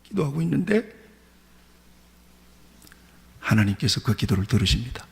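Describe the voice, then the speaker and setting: A man's voice: medium pitch, very animated, normal speed, vocal fry, a little mellow. A male pastor preaching a sermon, leading his congregation in call-and-response. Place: church sanctuary. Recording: long church hall reverb.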